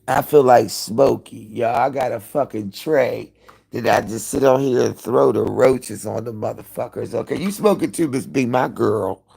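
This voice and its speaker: Man in his 50s, livestream host at home; raspy, gravelly voice, animated and foul-mouthed. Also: mid-range voice, moderate pace, low-quality recording. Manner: animated, profane gossiping with viewers. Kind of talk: casual live-stream chat.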